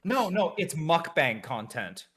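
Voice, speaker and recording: A woman co-hosting a live stream, soft-spoken and teasing in casual chat. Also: deep voice, very animated, takes it slowly, breathy edge. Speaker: co-host.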